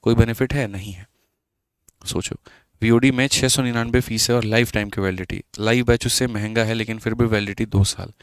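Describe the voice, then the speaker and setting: Low, smooth-voiced maths teacher. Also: male voice, no echo. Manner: chatty, scolding students, mixes English terms into talk. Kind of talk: live online exam-prep class.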